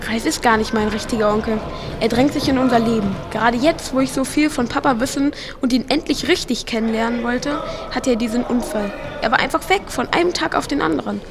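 Music plays under this audio drama clip, where a woman's fairly quick, natural, higher-pitched voice portrays a cocky, grieving teenage boy from Earth talking in casual teen slang.

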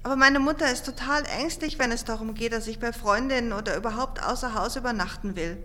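A bubbly, high-voiced alien teen girl. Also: quick pace, pushed and bright, a little hiss or hum. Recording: music playing underneath.

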